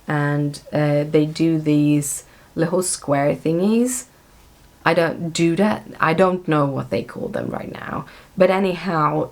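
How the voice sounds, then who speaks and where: Low-voiced woman chatting about her stitching. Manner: chatty, with frequent ums and self-corrections. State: losing her voice. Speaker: cross stitch vlogger. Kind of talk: casual chat showing stitching projects.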